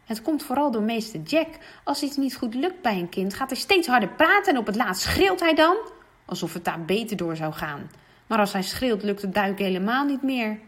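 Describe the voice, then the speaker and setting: A woman's voice: fairly high pitch, big pitch swings, moderate pace, a bit bright. A woman voicing a shy, anxious little girl with a timid, hesitant way of talking. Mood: worried.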